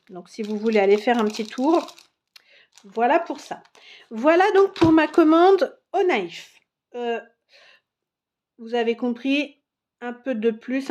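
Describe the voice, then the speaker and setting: Woman craft vlogger, slightly high voice, unhurried casual show-and-tell. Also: a little mellow. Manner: chatty, many fillers and pauses while browsing papers. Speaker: craft vlogger showing a haul.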